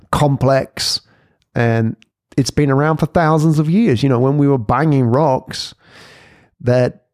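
A man in his forties runs a laid-back podcast monologue, thoughtful in tone and given to rhetorical questions and tag questions. His mid-range voice sounds a little mellow, recorded cleanly in a studio with no echo.

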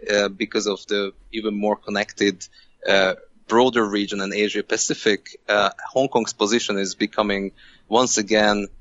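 Hungarian man, low measured voice. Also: a bit bright, no room sound, highs cut off. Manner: measured, many fillers and restarts. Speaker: guest, venture co-founder. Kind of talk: podcast interview.

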